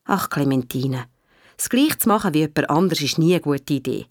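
A woman reading a storybook, voicing a gentle, patient mother with a Swiss accent, calm and soothing. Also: deep voice, fast, no echo, clean studio sound, voice pushed down. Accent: Swiss German.

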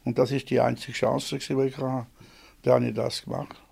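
A man's voice: medium pitch, flat delivery, a little fast, creaky, darkish tone, slightly rough. A man in his eighties with a Swiss German accent, telling his own story in a rambling, plain-spoken way from his small home office. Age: 80s. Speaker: inventor interviewed. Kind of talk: reminiscing interview.

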